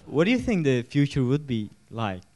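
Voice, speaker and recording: A man's voice: medium pitch, big pitch swings, moderate pace, noisy background. A man from Afghanistan in the audience of a university lecture, asking the panel a question in a hesitant, earnest way.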